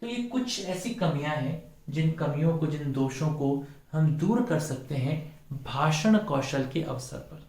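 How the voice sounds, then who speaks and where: Slow, deliberate man teaching pronunciation. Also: fairly high pitch, darkish tone. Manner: slow, deliberate, repeats and models each sound. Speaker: Sanskrit teacher. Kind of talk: classroom lecture on pronunciation. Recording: echoey room.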